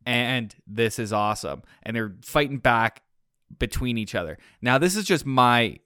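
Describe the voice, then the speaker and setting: Podcast co-host, male, smooth clear voice, dry close sound, animated storyteller. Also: medium pitch, unhurried, no room sound. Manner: animated storytelling with quoted asides. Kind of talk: casual chat.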